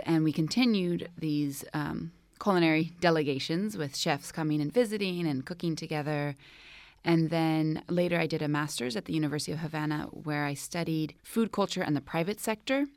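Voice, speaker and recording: A woman's voice: low voice, normal speed, dry recording. A woman in her thirties from Oakland, a cookbook co-author, answering questions in a radio studio in a thoughtful, explanatory way. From Oakland, California. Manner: thoughtful, explanatory, some restarts. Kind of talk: radio interview.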